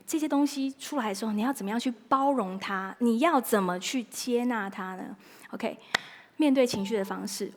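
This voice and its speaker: A woman pastor preaching a sermon in a lively, playful way, acting out little inner dialogues. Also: on the high side, long reverb tail.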